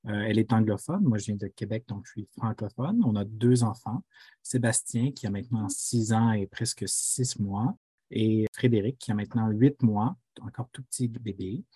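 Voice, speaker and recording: A man's voice: lowish voice, normal speed, dark tone, breathy edge, no echo. A man in his thirties from Quebec City, chatting as a podcast guest in a friendly way, with hesitations. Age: 30s. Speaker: guest, father. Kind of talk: casual interview answers.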